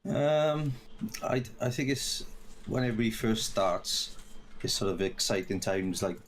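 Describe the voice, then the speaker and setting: A man's voice: on the low side, animated, measured pace, slight background noise. A man with a South Wales accent from around Swansea, chatting casually as a guest streamer on a podcast. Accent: South Wales, Swansea area. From Neath, South Wales. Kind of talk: casual chat.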